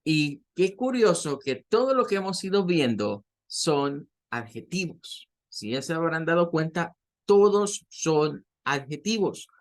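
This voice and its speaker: A man teaching an English lesson in Spanish, slowly repeating words to drill their pronunciation and often asking "¿verdad?". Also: a little high. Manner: fills pauses with "¿verdad?".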